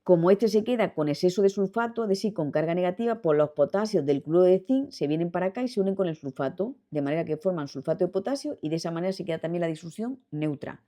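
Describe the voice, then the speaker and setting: Low, mellow-voiced Spanish teacher woman. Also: expressive, fast, few pauses. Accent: Spanish from Spain. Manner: patient, repetitive, checks in with students. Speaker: chemistry teacher. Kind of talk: explanatory video lesson.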